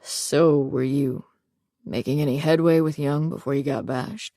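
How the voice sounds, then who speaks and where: A woman voicing a teasing young man with a deep, gravelly voice and dry sarcasm. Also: steady tone, unhurried, mellow, no room sound.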